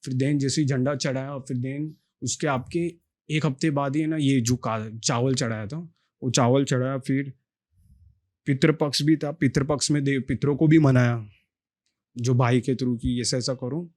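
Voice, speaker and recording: A man's voice: mid-range voice, steady tone, measured pace, a little mellow. A young man, a podcast guest, telling a long personal story in a casual, earnest way, with lots of restarts and fillers.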